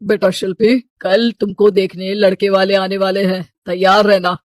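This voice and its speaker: A man's voice: sits high, flat delivery, normal speed, no echo, natural voice. A man playing a stern, money-minded middle-aged father in a story, domineering and scolding. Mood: commanding.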